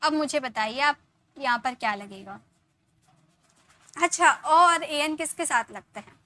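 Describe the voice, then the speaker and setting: A woman teacher giving a spoken grammar lesson, explaining patiently, repeating examples and quizzing her viewers, drawing out English sentences slowly word by word. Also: sits high, expressive, bright, forceful tone.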